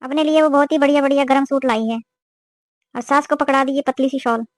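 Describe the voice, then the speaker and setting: A woman's voice: high-pitched, steady tone, brisk, no echo, close to an everyday voice. A woman voicing a suspicious, scolding middle-aged mother-in-law in a cartoon. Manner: scolding, complaining. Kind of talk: cartoon voice acting.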